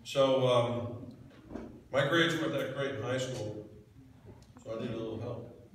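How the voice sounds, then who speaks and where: A man's voice: medium pitch, measured pace, a little hiss or hum. A middle-aged man from New Jersey giving a sincere, folksy acceptance speech full of stories. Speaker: hall of fame inductee. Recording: echoey banquet hall, distant mic.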